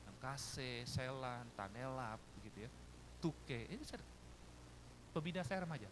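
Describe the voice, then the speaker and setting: Man, pastor, Betawi Jakarta accent, sermon, storytelling, lively pitch, faint hiss. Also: unhurried. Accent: Betawi Jakarta Indonesian. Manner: lively storytelling, acts out voices of others.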